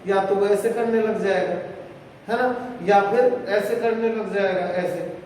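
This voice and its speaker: A man's voice: sits high, unhurried, a little mellow, slight background noise. A male psychology teacher giving an exam-prep lecture, explaining step by step and checking in with rhetorical questions. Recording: echoey room, distant mic, faint background.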